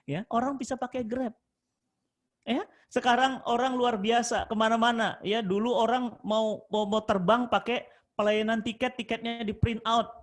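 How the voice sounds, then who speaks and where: High-voiced man preaching with swings in loudness. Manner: storytelling with rhetorical questions and quoted dialogue; swings from loud emphatic lines to low quiet asides. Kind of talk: sermon to an office audience.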